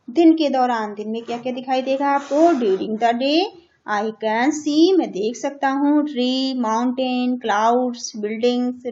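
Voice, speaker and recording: A woman's voice: on the high side, darkish tone. A woman teaching a children's English lesson in Hindi, patiently repeating words and asking questions that she answers herself. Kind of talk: slow classroom lesson explaining English in Hindi. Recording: dull lo-fi sound.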